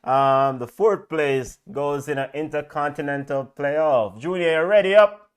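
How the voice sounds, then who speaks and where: A man co-hosting a football watch-along, calling lineups and play in a lively casual way with many fillers. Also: on the high side, unhurried, smooth.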